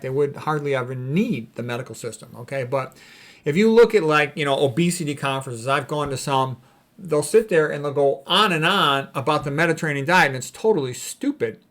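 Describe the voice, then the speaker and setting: This man's voice is fairly high and somewhat bright. Playing a doctor giving an informal lecture on diet and medicine, he reads quotes aloud and comments on them bluntly, emphatically, and with strong opinions.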